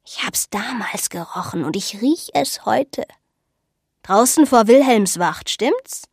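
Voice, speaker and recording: A woman's voice: on the high side, expressive, darkish tone, breathy edge, no echo, studio quality, exaggerated voice. A woman whispering as an eerie old village seer. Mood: ominous. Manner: whispering, slow, ominous.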